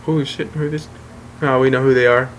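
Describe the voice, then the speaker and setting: Gaming host, male, middle pitch, loose rambling storyteller who swears freely, faint room noise behind. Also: level tone, fast talker, low-quality recording. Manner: rambling, profane, keeps saying "and whatnot". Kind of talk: casual storytelling over gameplay.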